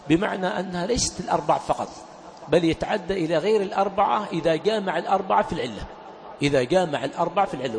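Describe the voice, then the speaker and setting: A sheikh teaches jurisprudence in a mosque, talking at a brisk clip in a fairly high voice. He keeps asking his listeners to fill in the next word, then repeats it himself. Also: darkish tone. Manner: call-and-response prompts, repeating key words. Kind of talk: Islamic jurisprudence lesson.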